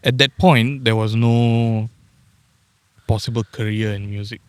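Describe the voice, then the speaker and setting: Low-voiced Singaporean man, laid-back guest. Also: fairly even intonation, unhurried, clean tone. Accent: Singaporean English. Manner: laid-back, self-deprecating joker. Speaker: podcast guest, audio engineer. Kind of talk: casual chat.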